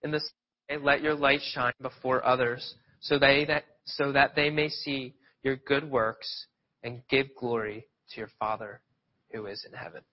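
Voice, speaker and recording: With a mid-range voice, fairly even intonation and a measured pace, this man preaches a casual, chatty sermon as a lay preacher. He's from near Philadelphia, Pennsylvania, has a cold that makes him sniffle a bit, and wanders into loose anecdotes with restarts. The sound is dull and lo-fi.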